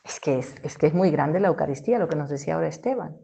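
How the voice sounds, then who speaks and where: A woman leading a Bible study, teaching in an animated way with rhetorical questions and frequent laughs. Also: low-pitched, very fast, vocal fry. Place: church parish hall.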